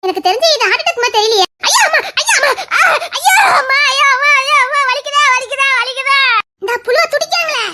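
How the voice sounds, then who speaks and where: A woman's voice: very high voice, fast, pushed and bright. A woman performing a family comedy skit, wailing and crying out in exaggerated mock distress. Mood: comic wailing.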